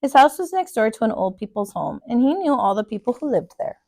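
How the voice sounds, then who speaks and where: Female children's storybook narrator, higher pitch, deliberate and emphatic delivery, expressive read-aloud. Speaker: storybook reader, kindergarten teacher.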